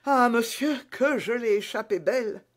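A man's voice: extremely high pitch, moderate pace, voice pushed up. A man doing a terrified stammering servant. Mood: frightened. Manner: shaky, stammering. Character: frightened male servant, stammering.

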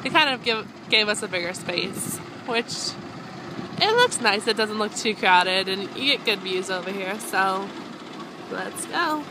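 Holding a phone camera at arm's length, a young woman gives a casual walking tour of a theme park. She speaks at medium pitch, animated but a little slow, rambling with many ums over a noisy background.

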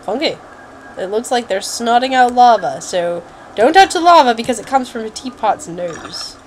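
A woman's voice: a little high, animated, normal speed, a little hiss or hum, poor audio. A woman giving casual, jokey let's play commentary, exclaiming and muttering to herself as she plays.

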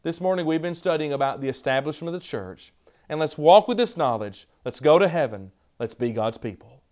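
A man in his thirties with a Southern American accent, preaching a televised sermon from a studio podium, building to loud emphatic repetitions. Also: fairly high pitch, lively intonation, brisk. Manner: emphatic, rising to loud repeated declarations.

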